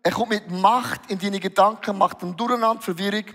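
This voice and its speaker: Male preacher, emotive and animated, raised pitch, recorded in a reverberant hall. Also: fairly quick. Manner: lively, emotional, acts out dialogues with Jesus. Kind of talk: sermon.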